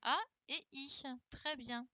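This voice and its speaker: A woman teacher leads an online class through her computer mic, speaking slowly and deliberately. Her voice is bright and a little high, and the sound is dry and close with no room around it. She coaxes her pupils by repeating each question. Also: steady tone, no echo. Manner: coaxing, repeats questions to prompt answers. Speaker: primary school teacher. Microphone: computer mic on a video call.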